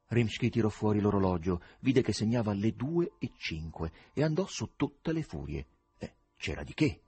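Husky low-voiced man reading a novel. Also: lively intonation, normal speed, a little mellow. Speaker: audiobook reader.

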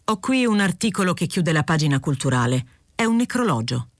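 A woman reading aloud, voicing a weary but stubborn aging male newspaper editor who speaks calmly and evenly. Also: lowish voice, dry recording, clean studio sound. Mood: patient. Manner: calm, measured, feigning nonchalance.

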